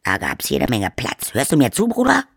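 A man's voice: mid-range voice, wildly swooping pitch, moderate pace, vocal fry, fairly bright tone, slightly rough, dry recording, clean studio sound, full character voice. A man voicing a sulky, scornful vampire daughter who talks back to her parents. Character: sulky, scornful young vampire daughter, 200 years old.

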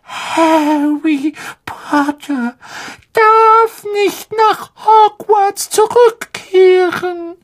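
Actress doing a tiny male house-elf, very high, squeaky and hoarse, slow and teary, storybook audiobook. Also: heavily acted. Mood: tearful. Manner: squeaky, slow and pleading, on the verge of tears.

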